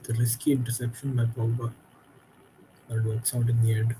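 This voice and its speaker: A man's voice: mid-range voice, level tone, moderate pace, mellow, a little hiss or hum, rough recording. A tired man hosting a late-night football watchalong, giving frustrated, critical reactions to the game as it happens. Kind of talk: live match commentary and reaction.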